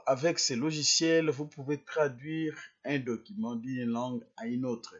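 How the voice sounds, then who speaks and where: A man explaining a software tutorial step by step. He restarts and repeats words as he clicks through a screen demonstration. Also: mid-range voice, fairly even intonation, a little slow, breathy edge, muffled recording.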